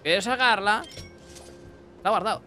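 A young man giving casual let's-play commentary, excitable, talking to himself and his chat with bursts of yelps. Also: high voice, normal speed, faint music behind. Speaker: gaming streamer.

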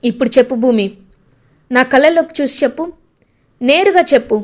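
A woman's voice: sits high, fairly quick, close to an everyday voice. A woman voicing a young man who keeps pleading his love with playful persistence, in a retold serial story.

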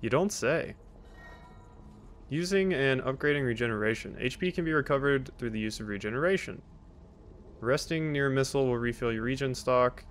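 A gaming video host delivers casual let's play commentary that's dry, joking and sarcastic, with video game sounds behind him. His voice is mid-range and fairly bright, moving fairly quickly, with slight background noise.

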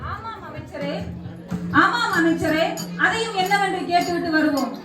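A woman's voice: extremely high pitch, normal speed, far from the mic. A woman playing a compassionate queen in a Tamil street-theatre play, speaking in formal, declaiming tones. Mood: regal. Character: stately compassionate queen touring her kingdom. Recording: roomy outdoor stage recording from afar. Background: music and crowd.

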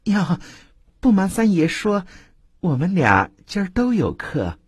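Sly young courtesan in a high coaxing voice, as a male narrator puts her on, husky. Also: very animated, measured pace, no echo, studio quality, exaggerated voice.

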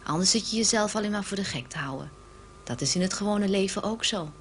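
A woman's voice: mid-range voice, expressive, fast, noisy background. Female storyteller for children, earnest and plain, mid-range voice.

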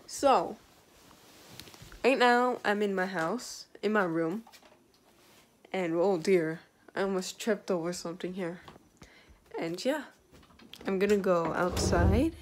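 A woman's voice: mid-range voice, takes it slowly, long pauses. A woman filming a rambling, chatty vlog update in her bedroom at home, with the hiccups. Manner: rambling, chatty, lots of fillers. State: has the hiccups. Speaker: vlogger.

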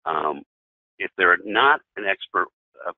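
A middle-aged man, a defense attorney, lectures in a training webinar with a very deep, somewhat husky voice. He slips in dry sarcastic asides and stumbles through ums and restarts. The recording is dry and narrow, like a phone line. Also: animated, unhurried, dry recording.

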